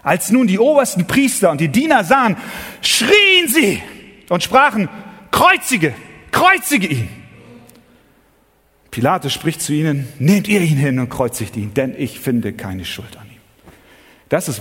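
A man preaching a sermon, swinging from loud exclamations to hushed, low passages. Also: big pitch swings, moderate pace, breathy edge. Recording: long hall reverb.

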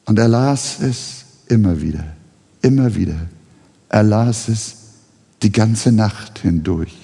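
A male pastor who preaches a sermon, telling the story slowly and dramatically. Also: on the low side, gravelly, dark tone, slightly rough, long reverb tail.

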